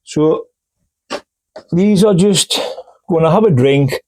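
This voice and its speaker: A man's voice: on the high side, takes it slowly, a little mellow. A man chats casually as host while potting plants indoors, rambling and homely, with hiccups. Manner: rambling, homely, full of fillers. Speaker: gardening channel host. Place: indoors in a cool grow room.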